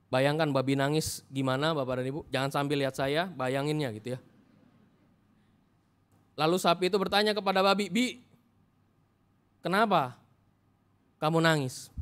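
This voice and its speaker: A man, a pastor giving a humorous, animated sermon in a church. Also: fairly high pitch, normal speed, long pauses, clear, resonant tone.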